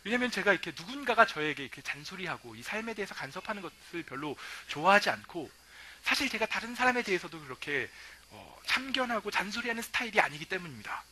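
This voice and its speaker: A male pastor preaching a sermon, telling stories lively and acting out what people say. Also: sits high, fast talker, a little hiss or hum. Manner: lively storytelling, acting out quoted remarks.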